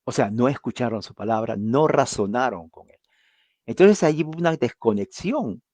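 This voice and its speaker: Male Bible teacher, mid-pitched voice, conversational and animated, dry recording. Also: normal speed, no echo. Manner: explains with rhetorical questions and acted-out quotes.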